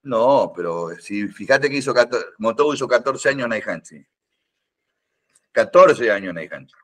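Here the older karate teacher sounds mid-range and fairly bright, moving at a moderate pace with lively intonation and a Rioplatense Spanish accent. As a guest in a casual podcast conversation, he rambles, restarts, fills pauses, and teases.

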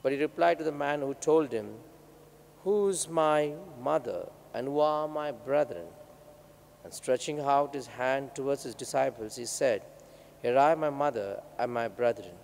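A man, a priest reading the gospel and preaching at Mass in short, measured phrases, his voice carrying a cathedral echo in a large church. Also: mid-range voice, creaky, darkish tone. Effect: cathedral echo, long church reverb. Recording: reverberant church hall, faint background noise.

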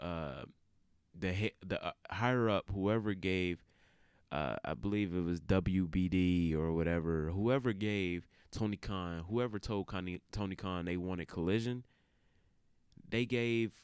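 A man giving casual, opinionated commentary as a video creator, colloquial and full of halting asides. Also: deep voice, clear, resonant tone, no room sound, clean studio sound.

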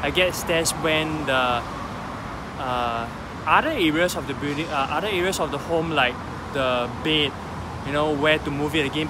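Man in his forties, slightly high voice, phone selfie vlog by a road with heavy traffic noise. Explanatory, thinks out loud. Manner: explanatory, thinks aloud with fillers. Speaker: feng shui consultant. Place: outdoors by a busy road. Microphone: phone at arm's length.

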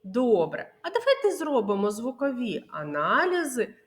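A woman kindergarten teacher giving a slow, coaxing early literacy lesson to young children. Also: fairly high pitch, sing-song. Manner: slow, sing-song, coaxing teacher talk. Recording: echoey room with faint noise.

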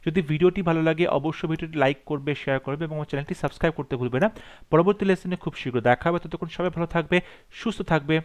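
A man teaching an exam-prep lesson, with a voice a little higher than most men's. He reads every English quiz question out slowly and carefully. Then he explains it in a plain teacherly tone. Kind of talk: exam-prep lesson going through multiple-choice questions.

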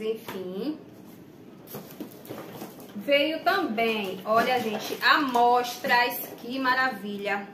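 A young Brazilian woman with a Bahian Portuguese accent and a voice on the high side unboxes items in a small indoor room with a plain wall. As a vlogger she chats casually and often addresses viewers, captured on a camera mic with room echo and faint background noise.

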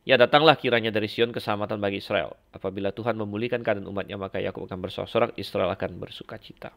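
A man giving a Bible lesson, explaining slowly with frequent fillers and restarts as he compares passages. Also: on the low side, steady tone, vocal fry, a bit bright. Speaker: Bible teacher. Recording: dull lo-fi lecture recording.

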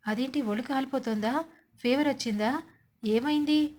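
A woman's voice: high voice, moderate pace, a little mellow. Lady voicing a husband nagging his wife, lecturing tone. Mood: scolding. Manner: concerned, lecturing. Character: young husband, worried then scolding.

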